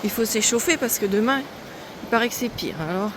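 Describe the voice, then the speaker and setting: A woman's voice: fairly high pitch, expressive, normal speed. A woman chatting casually as she walks a mountain trail, narrating her pilgrimage for a vlog. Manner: chatty, narrating while hiking uphill. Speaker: pilgrim vlogger. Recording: outdoor wind and ambient noise.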